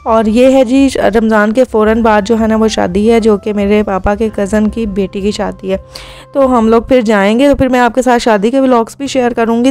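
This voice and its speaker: A woman's voice: a little high, darkish tone. A young woman, a vlogger narrating her day in a casual, chatty voice-over full of filler phrases. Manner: chatty, many filler phrases, talks fast.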